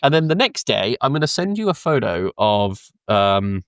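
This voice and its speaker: Recorded dry and clean on a close podcast mic, this young British co-host rambles through a story, swearing, laughing and umming constantly. His fairly low, smooth voice has a sing-song lilt, a slightly bright edge and a moderate pace.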